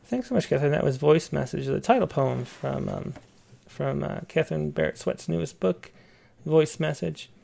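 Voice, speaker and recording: A man with a creaky voice casually hosting and interviewing a guest on a poetry show. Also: fairly high pitch, moderate pace, mellow. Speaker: host of a poetry reading show.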